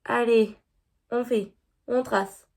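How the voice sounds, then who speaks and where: This vlogger's voice sits a little high, with fairly even intonation, and she takes her time. Recording a relaxed makeup video, the young woman rambles, teases herself, and keeps fumbling words between fillers and apologies.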